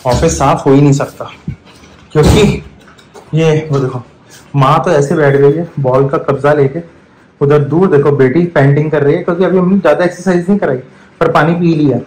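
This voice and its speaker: A woman's voice: low voice, steady tone, moderate pace, darkish tone, a little hiss or hum, low-quality recording. A woman narrating a casual family vlog, chatting about pets and coaxing a toddler to repeat words. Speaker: vlogger, grandmother.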